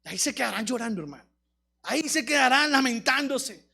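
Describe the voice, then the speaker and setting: A male pastor preaching a sermon, rising to shouted peaks and mimicking whiny excuses in a softer voice. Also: very high voice, lively intonation, brisk, creaky, slightly rough.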